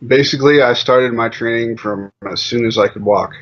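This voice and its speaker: A man's voice: medium pitch, moderate pace. A man being interviewed, talking in a loose, rambling way with lots of fillers. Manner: loose, rambling, heavy on fillers like "you know". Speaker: interview guest. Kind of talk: casual conversational interview. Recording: muffled lo-fi audio.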